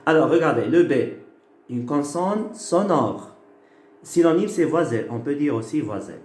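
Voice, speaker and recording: A man teaching a class, explaining slowly and patiently and repeating key words. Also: a little high, lively intonation, a little mellow. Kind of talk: phonetics lecture. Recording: echoey room with faint noise.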